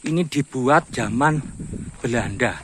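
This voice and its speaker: A man's voice: mid-range voice, unhurried, very noisy. A male travel vlogger talking and calling out inside a long tunnel, his voice echoing off the walls. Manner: calls out loudly to hear the echo. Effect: voice echoing inside a long stone tunnel. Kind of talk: casual travel vlog narration.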